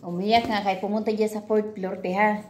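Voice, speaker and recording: A woman's voice: mid-range voice, little pitch movement, normal speed, darkish tone, a little hiss or hum. A woman vlogger in a casual chat, animatedly telling a story and acting out how she scolded a child.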